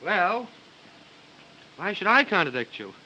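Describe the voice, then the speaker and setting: Hissy early talkie film sound. a cocksure young suitor with a highish, forceful voice, slangy and reassuring. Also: male voice, big pitch swings, unhurried, dull audio, heavily acted. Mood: confident. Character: confident, protective, wisecracking young suitor. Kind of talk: early talkie film acting, brisk and stagy.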